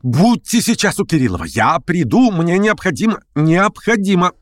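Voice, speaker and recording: A man's voice: a little high, big pitch swings, normal speed, voice pushed up. A man voicing a pushy, scheming young male conspirator who presses others with insistent questions. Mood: pleading. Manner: insistent, needling, raised voice.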